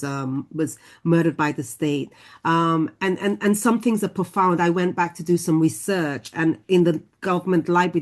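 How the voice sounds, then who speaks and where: Woman, very low voice, poet on a panel, reflective, restarts often, pauses to search for words. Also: a little mellow. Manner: thoughtful, halting, many restarts. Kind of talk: panel discussion.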